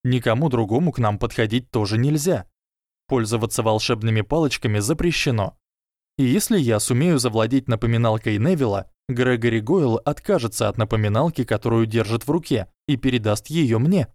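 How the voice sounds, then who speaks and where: A man's voice: mid-range voice, a little fast, darkish tone, no room sound, clean studio sound, lightly acted. A man voicing a clever, scheming schoolboy wizard who speaks urgently, in a fan-fiction audiobook. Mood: commanding. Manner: urgent, hissing.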